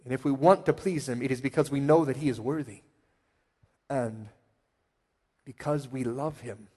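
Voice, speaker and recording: A male pastor preaching a sermon with emphatic swells and quiet asides. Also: mid-range voice, normal speed, breathy edge. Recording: long hall reverb.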